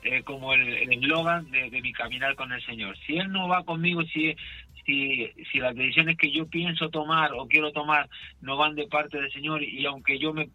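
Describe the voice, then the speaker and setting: Older male pastor from Chile, radio interview guest, fairly high bright voice, devout and rambling. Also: steady tone, normal speed, no echo, rough recording. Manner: rambling, self-correcting, devout.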